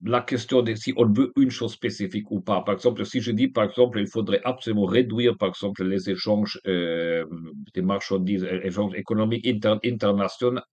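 A man's voice: lowish voice, fairly even intonation, brisk, a little mellow, husky, dry recording, lo-fi sound. A man being interviewed as a guest author, speaking hesitantly and often restarting his words. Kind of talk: interview answers.

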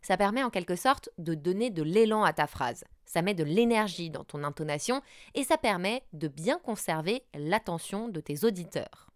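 Lively woman teaching radio intonation. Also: lowish voice, normal speed. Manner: lively, addresses the listener directly, models intonation. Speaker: radio journalist teaching a tutorial. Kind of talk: upbeat scripted tutorial narration.

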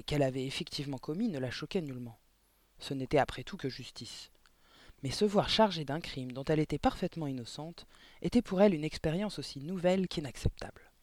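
A man reading a children's novel aloud as expressive audiobook narration. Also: a little high, a little fast, dry recording. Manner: expressive storytelling. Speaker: audiobook reader. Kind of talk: scripted narration.

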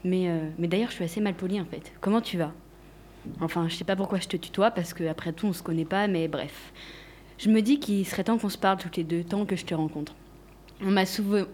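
A young woman leaves a voicemail, speaking in a fairly low voice. She hesitates, pokes fun at herself and fills her pauses with little filler words. A faint hiss of noise sits under her voice. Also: a little mellow. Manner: hesitant and self-mocking, full of fillers. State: leaving a voicemail. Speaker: radio columnist. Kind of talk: comic scripted monologue.

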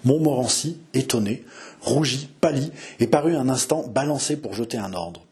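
Male audiobook narrator, measured expressive storytelling, mid-range voice. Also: mid-range voice, breathy edge.

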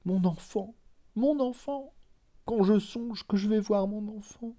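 Man playing an aging mother, guilt-ridden, anguished, whispery, slow, dark tone. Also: lowish voice, husky, full character voice. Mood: trembling.

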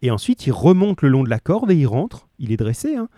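A male teacher reading a story aloud to his class and explaining it, lively and full of questions. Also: medium pitch, fairly quick, no room sound, studio quality. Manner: lively, asks questions and stresses key words.

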